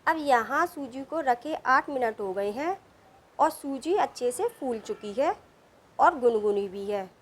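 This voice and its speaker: A woman narrating a cooking recipe step by step in a calm, steady instructional voice-over. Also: sits high, unhurried, a little hiss or hum. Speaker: cooking channel host.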